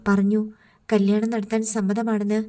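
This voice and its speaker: A woman voicing a gentle, puzzled young man who speaks hesitantly and jokes mildly in an audiobook. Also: mid-range voice, little pitch movement, normal speed, natural voice.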